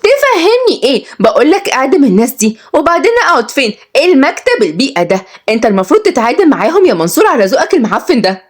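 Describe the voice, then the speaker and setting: Shrill, spoiled rich girl. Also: big pitch swings, racing, few pauses. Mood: outraged. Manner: shrill, haughty, shrieking outrage. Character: spoiled rich young woman, arrogant, hot-tempered.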